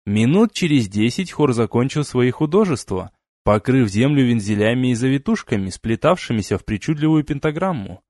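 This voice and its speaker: A man reads a first-person fantasy audiobook in a steady, even way. His voice sits at a middle pitch. The home recording is close and dry, with no room sound. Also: normal speed, hardly any pauses, no room sound. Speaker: audiobook narrator. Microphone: home studio mic.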